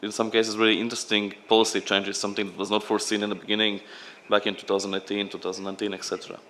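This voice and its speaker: Guy presenting at a conference, kinda low voice, loose and unscripted. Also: level tone, racing, pushed and bright, slight background noise. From Latvia. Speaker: program representative at a conference.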